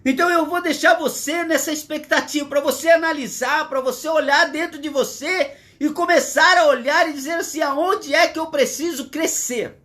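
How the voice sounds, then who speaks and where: A man's voice: very high-pitched, steady tone, moderate pace, few pauses, bright, forceful tone. A man in his sixties with a Brazilian Portuguese accent, preaching a livestreamed sermon from his home in an earnest, emphatic way, repeating his points. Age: 60s. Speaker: pastor.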